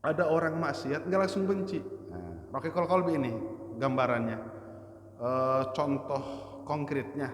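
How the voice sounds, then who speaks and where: A male preacher gives a lively sermon, telling stories and slipping into the voices of the people in them. His mid-range voice rings through a large mosque hall with a long echo. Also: mid-range voice, measured pace, slight background noise. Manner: animated storytelling, acts out voices.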